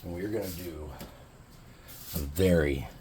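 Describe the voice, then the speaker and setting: A man's voice: deep voice, a little slow, noisy background. A man hosting a casual hobby crafting tutorial, chatting in a laid-back, jokey way as he works. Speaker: crafting channel host.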